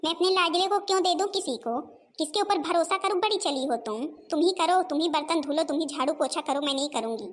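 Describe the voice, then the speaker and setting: Bossy older mother-in-law, voiced by a woman, high-pitched, scolds and complains. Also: brisk. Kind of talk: cartoon voice acting.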